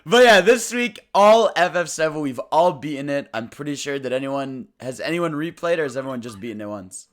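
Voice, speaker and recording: A man's voice: a little high, expressive, fairly quick, few pauses. Rowdy joking podcast host man. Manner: loud, joking, swears, laughs often. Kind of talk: casual gaming podcast chat.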